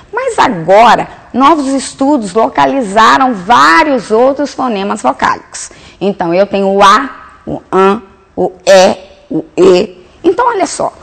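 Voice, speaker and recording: A woman's voice: a little high, creaky, fairly bright tone. A woman giving a grammar lesson as a teacher, explaining step by step and answering her own questions. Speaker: Portuguese teacher.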